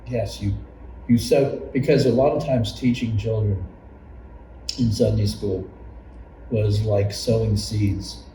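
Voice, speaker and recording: A longtime church member and Sunday school teacher, an older man with a very deep, dark voice, reminisces in an oral history interview. His storytelling is halting and circling, with repeated phrases and fairly even intonation. The room is echoey, the mic distant, and the background noisy.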